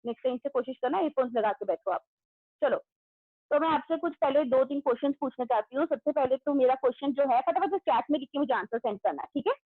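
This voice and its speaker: A woman school teacher giving an online class to young children. She talks loudly, calls out pupils' names and praises their answers. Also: high voice, fast, no room sound. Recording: tinny phone-like audio.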